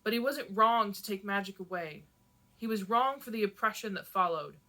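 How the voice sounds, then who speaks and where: A woman's voice: mid-range voice, expressive, moderate pace, pushed and bright. A woman reading aloud as an earnest, defensive young male prince who argues and pleads. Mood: insistent. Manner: insistent, pleading.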